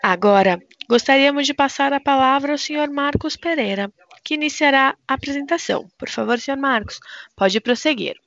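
Brazilian woman, call operator. Higher-pitched, polite customer service delivery of scripted announcements, dry lo-fi line. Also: fairly quick, fairly bright tone, dry recording. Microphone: conference call line. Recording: dull, lo-fi conference call audio.

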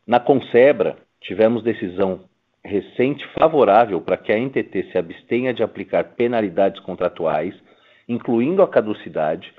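A Brazilian man, a finance executive, giving a prepared earnings presentation in a formal, businesslike way. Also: on the low side. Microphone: telephone conference call. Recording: tinny, narrow phone line.

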